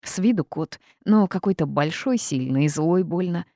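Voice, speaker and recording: A woman's voice: fairly low pitch, dark tone, no room sound, studio quality, lightly acted. A woman voicing a grumpy, theatrical male phoenix who grumbles, wails and draws out his complaints in an audiobook. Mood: grumbling. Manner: grumbling, wailing, drawn-out complaints. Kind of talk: audiobook character voice.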